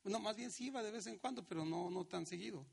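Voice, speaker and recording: A middle-aged man, a pastor preaching a sermon with slow, emphatic lines and acted-out quotes. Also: high voice, vocal fry, slightly rough.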